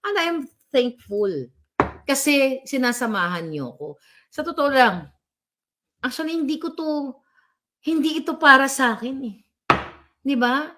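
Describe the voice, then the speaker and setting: A woman's voice: high voice, expressive, unhurried, pauses often, background noise. A middle-aged woman vlogging live to her viewers, speaking in fiery bursts that mix Tagalog and English and reading out viewer comments. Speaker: political vlogger. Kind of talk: live-stream chat with viewers. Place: abroad, at home.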